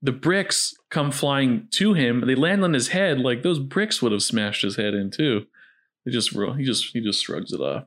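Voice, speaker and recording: A man's voice: medium pitch, expressive, moderate pace, a bit bright. A man hosting a casual film commentary, talking in a jokey, conversational way. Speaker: podcast host.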